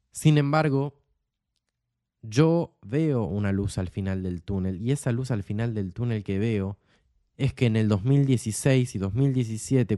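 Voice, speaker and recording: A young man with an Argentine Spanish accent hosts his own program, delivering an earnest, impassioned monologue packed with repeated emphatic phrases. His voice is lowish and mellow, recorded in studio quality with no echo.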